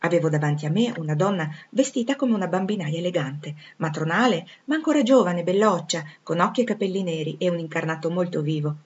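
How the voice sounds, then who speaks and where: A woman reads a classic novel aloud in a measured, even manner. Her voice sits low and husky. The recording is dull and lo-fi. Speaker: audiobook reader. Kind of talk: literary audiobook narration.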